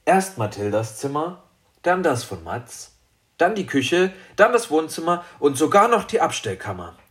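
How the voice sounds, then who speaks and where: A man narrating a children's story in a lively, expressive way. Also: fairly high pitch, a little slow.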